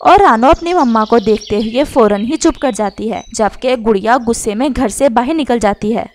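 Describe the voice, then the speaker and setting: A woman's voice: on the high side, moderate pace, a little mellow, a little hiss or hum. A woman narrating a children's cartoon story.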